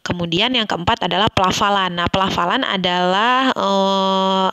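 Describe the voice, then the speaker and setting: A woman's voice: mid-range voice, moderate pace, pushed and bright, smooth. A woman teacher giving an elementary class lesson, patient and explanatory, often correcting herself as she goes. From Indonesia.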